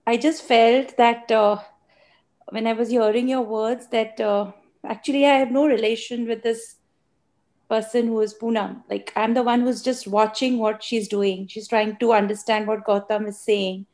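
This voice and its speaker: A woman shares a personal reflection with her teacher in a fairly high, flat voice. She speaks earnestly but hesitantly, stopping often to search for her words. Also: measured pace. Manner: hesitant, earnest, with many fillers. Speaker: participant sharing.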